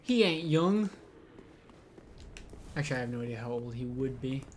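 A man's voice: mid-range voice, expressive, moderate pace. Chatty male co-host, joking let's-play commentary, faint room hiss. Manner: joking, rambling banter. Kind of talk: casual gaming chat.

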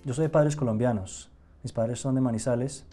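Young Nicaraguan-born man, warm relaxed voice, casual reflective studio interview. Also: mid-range voice, normal speed, soft background music. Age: young adult. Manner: casual, reflective, with fillers and restarts. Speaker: mentalist interviewee. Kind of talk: interview answers. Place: TV studio set.

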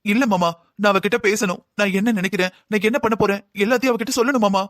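A man's voice: high voice, fast, fairly bright tone, dry recording, clean studio sound. A man voicing an earnest young husband in a cartoon drama who pleads to see his wife. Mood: pleading.

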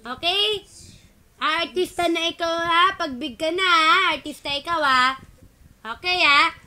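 A mother at home talks to her baby in a very high, bright voice. She drags her words out slowly and keeps switching between mock-scolding and coaxing in a sing-song lilt. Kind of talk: playful home video baby talk.

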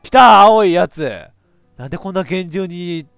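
A man with a giving excitable let's play commentary on a horror game, reacting loudly and laughing often. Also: high voice, normal speed, smooth, dry recording, clean studio sound, soft background music. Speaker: VTuber game streamer.

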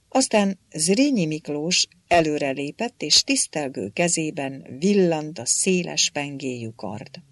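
An audiobook narrator reading a story with expressive delivery. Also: medium pitch, dry recording. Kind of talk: scripted narration.

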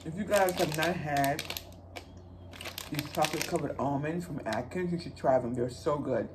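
A woman's voice: deep voice, normal speed, noisy background. A middle-aged woman chatting casually to viewers as she eats, talking while chewing. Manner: chewing while talking, mouth often full. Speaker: vlogger on a lunch break. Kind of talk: casual eat-with-me chat. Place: small indoor room at work.

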